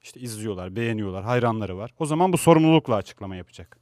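A man's voice: fairly low pitch, lively intonation, very fast, a little mellow, dry recording, clean studio sound. A man co-hosting a radio show in casual chat, laughing often and mimicking people mockingly. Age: older than his co-host. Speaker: radio co-host.

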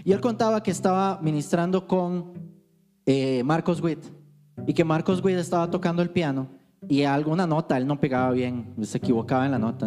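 A man teaching on worship, telling stories in a loose, conversational way. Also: fairly high pitch. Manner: conversational storytelling with anecdotes.

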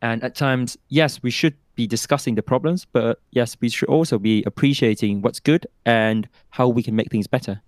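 A man co-hosting a casual discussion podcast, animated and putting questions to himself before he answers them. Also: medium pitch, normal speed, few pauses, dry recording, clean studio sound. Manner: animated, asks and answers his own questions. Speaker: podcast co-host.

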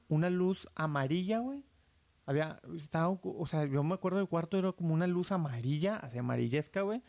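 A speaker with a Mexican Spanish accent telling a scary hospital story in casual, slang-filled chat. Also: medium pitch. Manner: slangy, animated, acts out quoted voices.

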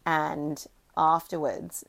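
A woman co-hosting a casual podcast, chatty and quick to interject, with some swearing. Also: sits low, level tone, vocal fry, fairly bright tone. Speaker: podcast co-host. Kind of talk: casual chat.

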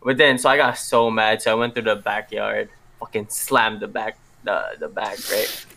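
A man's voice: on the low side, steady tone, normal speed, gravelly, crowd noise. A young adult man chatting casually in street slang, full of bro, man and swearing. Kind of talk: casual chat.

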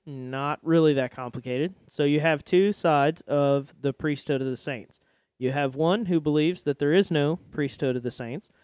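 A man's voice: a little high, darkish tone, clean tone, dry recording. A man in his thirties hosting a casual faith podcast from a basement studio, laughing often and explaining at length. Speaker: podcast host.

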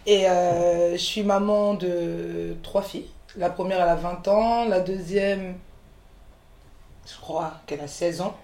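A woman's voice: on the low side, steady tone, takes it slowly, mellow. Guest: forties woman from the Ivory Coast, frank and rambling, recorded in an echoey room. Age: 40s. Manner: frank, rambling, many restarts and fillers. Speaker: guest, chef and entrepreneur. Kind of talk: candid conversational interview.

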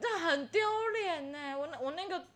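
Giggly high-voiced Taiwanese woman. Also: animated, normal speed, fairly bright tone, a little hiss or hum. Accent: Taiwanese Mandarin. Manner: laughs often while telling stories, mimics quoted voices animatedly. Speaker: podcast co-host. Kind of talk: casual chat.

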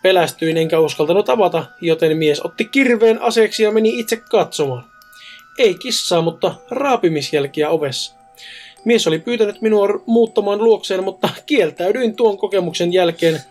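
A co-host with a high-sitting voice reads ghost stories sent in by listeners on a relaxed podcast, with soft music playing underneath. He keeps things light with joking, wry comments in between.

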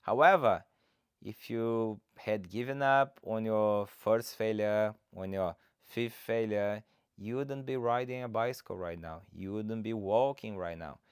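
Fairly low and smooth, the Brazilian coach's voice comes a little slowly as he speaks alone on his podcast, encouraging listeners earnestly about fat loss. He has a Brazilian Portuguese accent, and the recording is dry and studio-clean.

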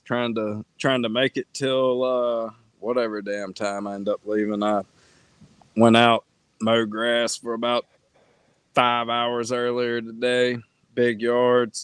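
Laid-back male co-host, smooth voice. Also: mid-range voice, little pitch movement, slow pace, dry recording. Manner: laid-back, chuckling, casual swearing. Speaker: podcast co-host. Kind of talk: casual podcast chat.

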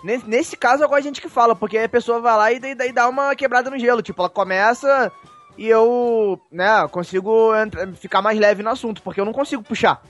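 A man's voice: very high-pitched, brisk, fairly bright tone, faint music behind. A man co-hosting a casual podcast chat, rambling with frequent stammered restarts. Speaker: podcast co-host.

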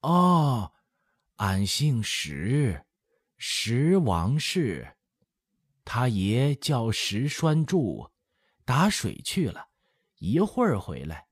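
Guy doing a super old granny in an audiobook, sighs and rambles, drags every word, husky. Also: medium pitch, huge pitch swings, dry recording, voice pushed up, full character voice. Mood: lamenting. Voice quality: slow, breathy, muttering old voice. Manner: rambling, sighing, lamenting. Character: very old village grandmother, hard of hearing, sighing. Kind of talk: audiobook character voice. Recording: dry close studio sound.

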